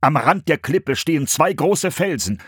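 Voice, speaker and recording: A man's voice: a little high, expressive, unhurried, fairly bright tone, husky, dry recording, studio quality, pitched above the performer's own voice, heavily acted. A man doing a commanding monk. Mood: urgent. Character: adult male monk, calm leader.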